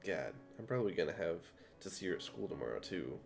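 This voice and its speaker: Low-voiced man muttering through a game. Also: very animated, quick pace, gravelly, over music. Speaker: streamer reading the lead character. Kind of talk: casual game playthrough reading.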